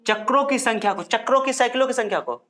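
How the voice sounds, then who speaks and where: A man's voice: extremely high pitch, quick pace, sharp tone. A male physics teacher lecturing a classroom, repeating key terms and firing questions at his students.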